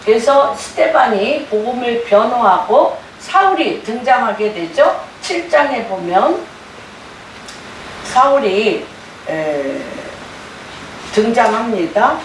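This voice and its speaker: A woman pastor preaching a sermon in a church, with animated delivery that rises to loud exclaimed quotes. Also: on the high side, slow, slight background noise. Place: church sanctuary. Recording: roomy sound from a distant mic.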